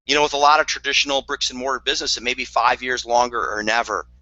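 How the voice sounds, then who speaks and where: A man's voice: medium pitch, little pitch movement, fast, pushed and bright, dry recording. A man giving a motivational network marketing talk, earnest and repetitive, with dry sarcastic asides, on a dull lo-fi recording.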